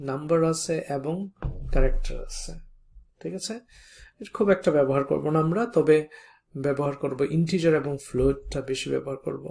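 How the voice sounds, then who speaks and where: A programming instructor teaching a coding lesson step by step, spelling out code slowly and often checking in with the viewer. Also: medium pitch, gravelly, a little mellow. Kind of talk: coding tutorial lecture.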